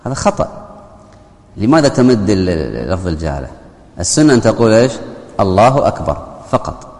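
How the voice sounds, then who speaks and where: Male religious teacher, lowish voice, lecture with rhetorical questions, reverberant hall. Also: very animated, fast, a little mellow. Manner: asks the audience rhetorical questions. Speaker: Islamic jurisprudence teacher.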